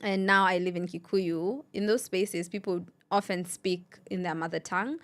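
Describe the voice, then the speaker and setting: A woman's voice: on the low side, steady tone, normal speed. A woman from Nairobi with a Kenyan accent, hosting a radio show and chatting casually, telling stories and acting out the people she quotes. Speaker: radio host.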